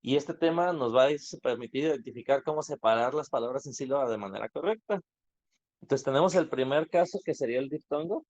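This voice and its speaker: Patiently explaining grammar and questioning his students, this man runs an online class in a fairly high-pitched, darkish voice. The recording has a dull, lo-fi sound.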